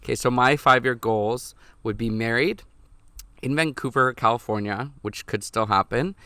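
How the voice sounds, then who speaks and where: A man's voice: medium pitch, normal speed, bright, forceful tone, clean tone, no room sound. A man in his twenties co-hosting a podcast, chatting candidly and reflectively with lots of "like" fillers. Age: 20s. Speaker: podcast co-host. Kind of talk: casual chat.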